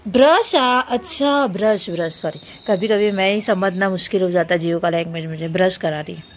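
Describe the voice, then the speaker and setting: A woman's voice: fairly low pitch, a little fast, slight background noise. Woman coaxing her toddler at home. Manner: coaxing, questioning tone with her small child. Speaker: vlogger. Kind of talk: casual home vlog. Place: home in an apartment building.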